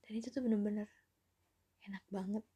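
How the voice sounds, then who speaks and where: Casting: female podcaster, twenties, warm dark tone, soft-edged delivery, loose and self-deprecating solo chat. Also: mid-range voice, fairly even intonation, fast talker, breathy edge. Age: 20s. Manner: rambling, self-deprecating, often chuckling to herself. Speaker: podcast host.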